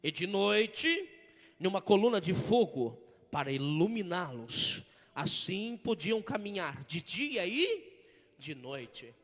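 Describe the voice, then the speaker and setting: A Brazilian man preaching a fiery sermon, jumping between loud shouts and hushed, joking asides. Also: high-pitched, big pitch swings, slow. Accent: Brazilian Portuguese. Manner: swings from shouting to hushed asides, jokey impressions. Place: church hall. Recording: large church hall reverb.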